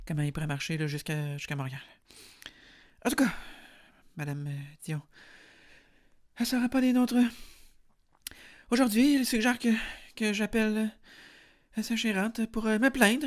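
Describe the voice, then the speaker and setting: Deadpan rambling Quebec French man. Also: high-pitched. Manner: deadpan, rambling, full of hesitations. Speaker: podcast host. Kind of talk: mock interview monologue.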